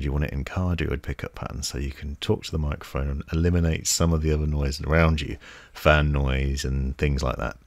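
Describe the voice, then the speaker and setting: A man reviewing gear casually at his desk, explaining and demonstrating features step by step into a microphone on a boom arm. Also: creaky, dry recording. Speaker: tech reviewer. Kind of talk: casual product review demo. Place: desk setup indoors.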